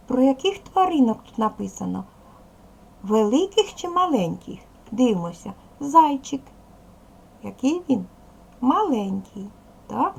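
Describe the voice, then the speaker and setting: A woman teacher talks slowly and patiently to young children in a recorded lesson. Her slightly high voice rises and falls a lot, with a gravelly edge. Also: fairly bright tone. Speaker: primary school teacher. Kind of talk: recorded video lesson for second graders.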